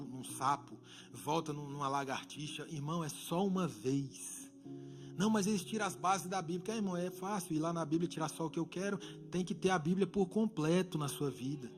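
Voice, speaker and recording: A man preaches a sermon in a church, his voice pitched high for a man. He drops to hushed, conversational asides, then rises into loud exhortation. Faint music plays underneath. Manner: preaching with swings from hushed to loud, acting out people. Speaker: pastor.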